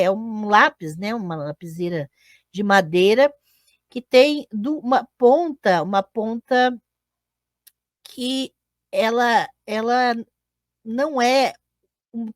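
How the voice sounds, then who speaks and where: A woman teaching a live online lecture to her viewers. She explains step by step, often pausing to check in and correcting herself as she goes. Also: mid-range voice, no room sound, studio quality. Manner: explanatory, with frequent checking tags and self-corrections. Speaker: teacher and podcast host.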